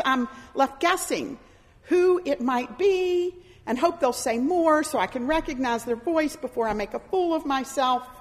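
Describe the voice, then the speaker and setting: A middle-aged woman pastor giving a sermon in a church, telling stories in an animated way and acting out the voices of the people she quotes. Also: high-pitched. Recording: reverberant church hall.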